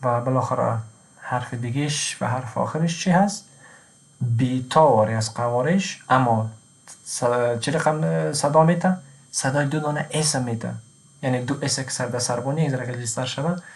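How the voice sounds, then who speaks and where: A man with an Afghan Dari accent, teaching a slow language lesson who says each example word twice and then translates it. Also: medium pitch, vocal fry.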